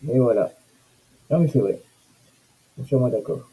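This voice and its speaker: Guy riffing sarcastically on news stuff, dark husky voice. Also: mid-range voice, lively intonation, normal speed, low-quality recording. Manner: sarcastic, mocking asides. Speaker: commentator reacting to news and comments. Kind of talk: casual commentary.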